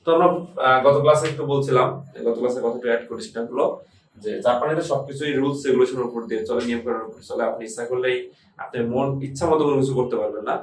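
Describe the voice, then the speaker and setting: A man teaching a hiragana lesson at a board, patiently repeating each letter slowly as he writes. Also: medium pitch, steady tone, far from the mic, a little hiss or hum. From Bangladesh. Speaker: Japanese language teacher. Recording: echoey room, voice from off the mic.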